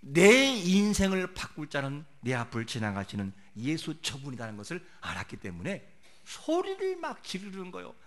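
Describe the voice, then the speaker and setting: A man preaching a sermon as a pastor, asking rhetorical questions and moving between soft and loud delivery. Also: on the high side, huge pitch swings, normal speed.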